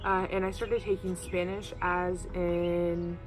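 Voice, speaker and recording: A nineteen-year-old Oklahoma woman talks thoughtfully in a casual recorded interview, using lots of ums and uhs. Her voice is lowish and slow, with little pitch movement, and music plays underneath.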